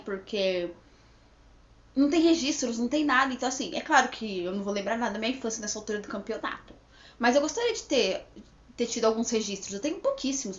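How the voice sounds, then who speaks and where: A woman in her thirties chatting to camera in a rambling, casual way, with frequent restarts and check-ins. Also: on the high side. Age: 30s. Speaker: vlogger. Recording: echoey room, slightly dull lo-fi sound.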